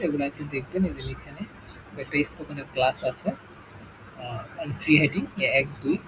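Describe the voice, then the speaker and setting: A man's voice: a little high, noisy background. A man with a Bangladeshi Bengali accent teaching an exam-prep English lesson, explaining step by step and checking in with "okay?" after each point.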